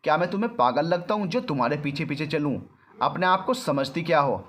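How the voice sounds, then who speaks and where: A man's voice: on the high side, animated, normal speed, a bit bright. A man voicing an arrogant, controlling young man in a storybook reading, rude and mocking. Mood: angry shouting. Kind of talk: storybook narration.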